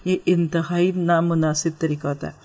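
A woman teacher's low, level voice carries an instructional talk on raising children and religious outreach, in which she explains gently and asks her audience rhetorical questions.

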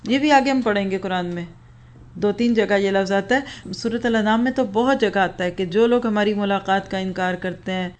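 A woman teacher leads a Quran vocabulary lesson, patient and encouraging with her class. She breaks words down to their roots and recites the verses at a slow, careful pace. Her voice sits at an ordinary middle pitch. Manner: encouraging, praises students, recites verses slowly.

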